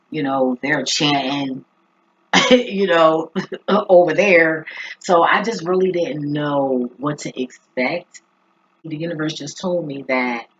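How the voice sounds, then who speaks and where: A vlogger with a husky voice talking casually and reflectively to viewers, halting and thinking aloud. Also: mid-range voice, fairly bright tone. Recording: dull lo-fi recording.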